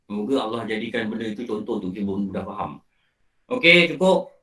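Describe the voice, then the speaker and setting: Animated Malaysian Malay preacher, roomy distant sound. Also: male voice, on the low side, quick pace. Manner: animated storytelling, acting out film scenes. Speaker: religious teacher. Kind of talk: online Islamic lecture.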